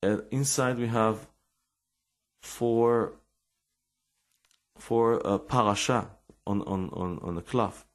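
A man with an Israeli accent gives an informal religious talk filled with personal stories. His voice is fairly low and steady in tone, and he halts and repeats words while searching for the right English.

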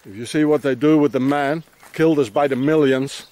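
Warm in tone, a man's voice runs on the high side and a little fast. He's a middle-aged vlogger walking an outdoor countryside path, rambling and ranting in a winding monologue and often tagging on questions.

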